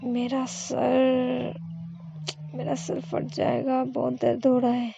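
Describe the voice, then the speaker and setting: A woman voicing a dazed, injured young woman who softly insists she is fine and pleads to be left alone, in a storybook tale. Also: fairly high pitch, steady tone, moderate pace, dull audio, noisy background, lightly acted.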